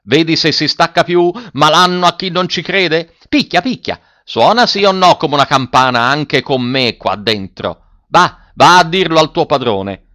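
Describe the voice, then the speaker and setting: A man voicing a furious old jar mender who shouts angry demands in a high, loud voice. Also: lively intonation, a little slow, few pauses, dry recording, studio quality. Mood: commanding.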